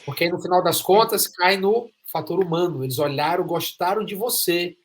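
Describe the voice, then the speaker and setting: With a high-pitched voice and an ordinary pace, this Brazilian podcast host leads an enthusiastic interview conversation. He speaks with emphasis, going back over phrases to drive his points home.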